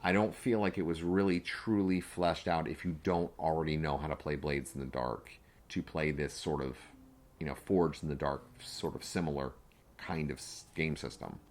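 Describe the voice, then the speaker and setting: A man's voice: a bass voice, fairly even intonation, normal speed. A man co-hosting a podcast in a casual, rambling chat, full of fillers and restarts. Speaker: podcast co-host and game master.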